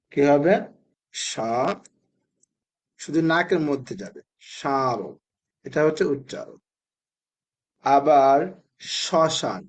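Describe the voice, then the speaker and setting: A man with a fairly high voice teaches children spelling and pronunciation at a very unhurried pace. He asks a question, then answers it himself. He repeats each word slowly several times. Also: a little mellow. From Bangladesh.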